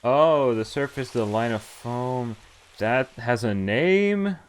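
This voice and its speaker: Game music runs underneath as a man reads a visual novel aloud on stream, casually chatting with viewers and repeatedly stumbling over lines before correcting himself. His mid-range voice has lively intonation and a slow pace.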